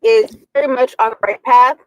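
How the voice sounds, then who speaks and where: A woman on a panel talk show, speaking over an online call connection that keeps breaking up, halting with fillers and restarts. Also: high-pitched, fairly even intonation, no room sound. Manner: hesitant, many fillers and restarts. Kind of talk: casual panel discussion.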